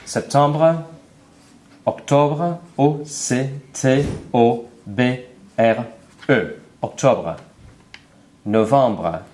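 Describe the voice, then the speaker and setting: Very slow-spoken man teaching French spelling. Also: mid-range voice, darkish tone. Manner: spells words letter by letter, repeats each word. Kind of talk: slow spelling lesson for learners.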